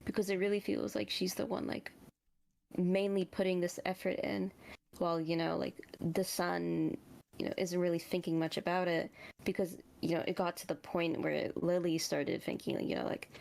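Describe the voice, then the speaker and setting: A woman's voice: fairly low pitch, little pitch movement, moderate pace, creaky, a little mellow. A young woman co-hosting a casual voice chat, rambling and filling her talk with "like" and "you know". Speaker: moderator co-host.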